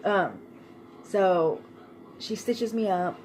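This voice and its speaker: A woman's voice: medium pitch, drawn-out words, a little mellow, a little hiss or hum, low-quality recording. A young woman vlogger telling a personal story in a casual, chatty way, laughing often and using lots of fillers.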